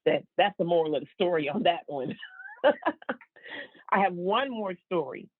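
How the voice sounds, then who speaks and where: A woman voicing a signed comedy act, telling funny family stories in a lively way with fillers and restarts. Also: on the low side, moderate pace, dry recording. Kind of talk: interpreted comic storytelling. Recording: tinny, phone-like, dry.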